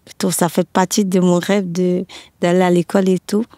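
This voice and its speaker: A woman's voice: fairly low pitch, little pitch movement, moderate pace, warm tone, no room sound, clean studio sound. An eighteen-year-old woman from the Ivory Coast answering interview questions hesitantly, with many fillers and repeated words. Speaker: podcast guest.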